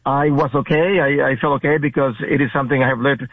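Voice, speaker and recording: A man's voice: mid-range voice, steady tone, no room sound. Man from the Dominican Republic on a phone line. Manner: halting, many restarts, earnest. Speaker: baseball umpire, phone guest. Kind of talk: radio phone interview.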